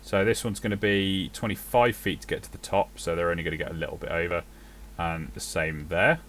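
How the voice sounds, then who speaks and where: Low-voiced man running a tabletop game. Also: fairly quick, a little hiss or hum. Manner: relaxed, matter-of-fact narration of rolls. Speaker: game master.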